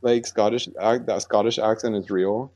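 An American man talks casually and playfully at a normal speed, his lowish, slightly mellow voice staying fairly even in intonation. He fills his speech with "like." The recording is dry and a bit dull.

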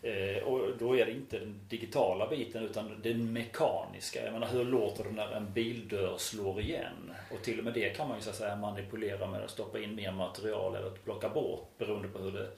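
A man with a low voice and a gravelly, creaky edge chats in a relaxed way. He tells examples and stories with fillers between thoughts. His voice echoes in the room. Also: few pauses. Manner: relaxed, anecdotal, with hesitation fillers. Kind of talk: casual conversation. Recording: roomy echo.

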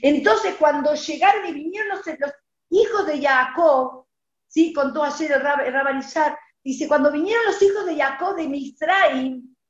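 An older woman, telling a personal story to a women's group and acting out the dialogue in a lively way. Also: unhurried, roomy sound, muffled recording. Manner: animated, acts out quoted dialogue with rising pitch. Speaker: community speaker.

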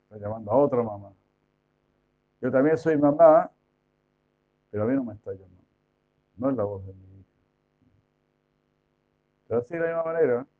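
A man giving an informal devotional lecture, chatty, full of rhetorical questions and mock imitations. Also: mid-range voice. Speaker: devotional preacher. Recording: tinny phone-like sound.

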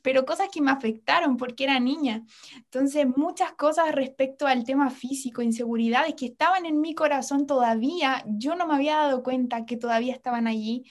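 A young woman telling a heartfelt personal testimony as a podcast guest, retelling conversations in quoted voices. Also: sits high.

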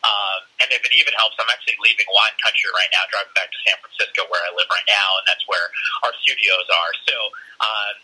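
Husky, sharp-toned man over a speakerphone call. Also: lowish voice, steady tone, fairly quick, poor audio. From New Jersey, US. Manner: easygoing, rambling, with filler words. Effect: heard over a speakerphone call. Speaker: sports broadcaster, guest. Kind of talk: casual phone interview chat. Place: in a car. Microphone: cell phone on speakerphone.

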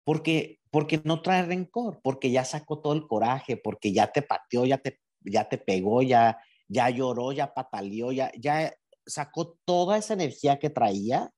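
A man's voice: medium pitch, expressive, unhurried, a little mellow. Reflective man in casual talk. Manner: reflective, explanatory, voices imagined speech. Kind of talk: casual conversation.

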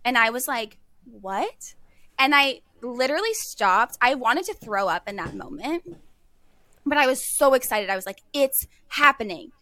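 A woman's voice: a little high, lively intonation, normal speed, few pauses, sharp tone, no room sound. A young adult woman, a podcast guest, telling a personal story in a chatty way full of "like". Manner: chatty, peppered with "like".

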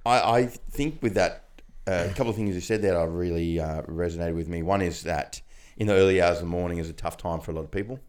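A man's voice: low voice, fast, darkish tone. An Australian man hosting a casual podcast, joking and bantering with his mates. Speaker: podcast host.

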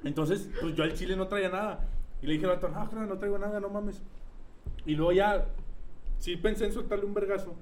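A man's voice: high-pitched, fairly even intonation, a little fast, a little mellow, slight background noise. A young man with a Mexican accent telling a story in casual chat, slangy and swearing a lot. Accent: Mexican Spanish.

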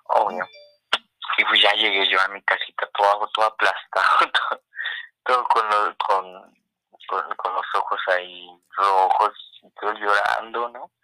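A man's voice: lowish voice, fairly even intonation, a little slow, bright, forceful tone, no room sound, low-quality recording. A young Mexican man telling a long personal story on a podcast. He swears freely and acts out every voice he quotes. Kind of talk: casual storytelling.

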